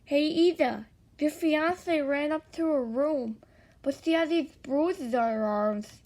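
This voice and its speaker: Woman putting on a loud, gossipy teen boy. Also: high voice, slow pace, voice pushed up. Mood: eager.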